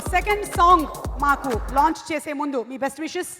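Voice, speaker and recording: A woman's voice: high voice, fairly quick, over loud music. A woman anchoring a stage event, announcing guests in a bubbly way and mixing in English phrases, through an echoey hall PA. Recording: echoey hall PA with faint ambience.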